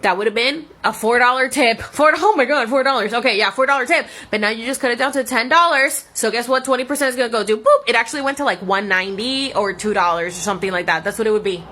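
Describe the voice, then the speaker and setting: A woman's voice: a little high, fast, hardly any pauses, sharp tone. A woman in her thirties, a longtime server, ranting angrily and profanely about her work in a vlog. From Florida. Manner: heated, profane, sarcastic rant. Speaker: former restaurant server and content creator. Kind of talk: angry rant vlog.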